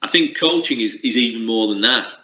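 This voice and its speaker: A middle-aged man who lectures in sports coaching answers interview questions reflectively, restarting often and using lots of fillers. His mid-range voice is fairly quick, bright and forceful. The recording is lo-fi and roomy.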